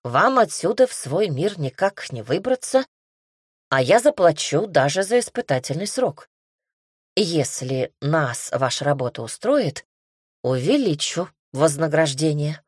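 A woman's voice: deep voice, very animated, a little slow, breathy edge, no echo, clean studio sound, exaggerated voice. A woman voicing a haughty, stubborn male lord and single father in a fantasy audiobook, speaking curtly. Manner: arrogant, curt.

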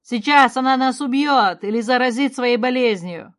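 A woman reading aloud voices a hostile young man who loudly and scornfully accuses others. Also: on the high side, moderate pace, pitched above the performer's own voice, natural voice.

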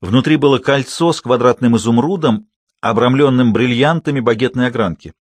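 A man narrating an audiobook in an even, measured storytelling manner, close to the mic. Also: mid-range voice, no echo. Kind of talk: scripted narration.

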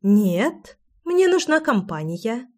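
A woman's voice: a little high, very animated, takes it slowly, darkish tone, heavily acted. A woman voicing a playful, curious young woman who coaxes and teases in an audiobook scene. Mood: teasing. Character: lively teasing young woman, curious meddler.

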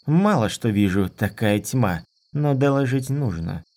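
A man voicing a calm, teasing young woman held captive, speaking in a soothing way, in an audiobook. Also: mid-range voice, unhurried.

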